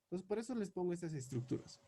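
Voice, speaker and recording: A man teaching English grammar, spelling out example questions slowly and word by word as he writes them up. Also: high-pitched, lively intonation, warm tone, slightly rough. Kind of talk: explaining grammar on a board.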